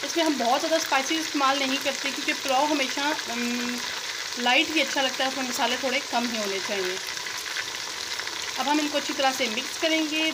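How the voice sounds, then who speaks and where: A woman hosting a cooking channel, calmly explaining a recipe step by step in voice-over narration. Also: high-pitched. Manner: calm step-by-step instruction. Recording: noisy kitchen, sizzling pot.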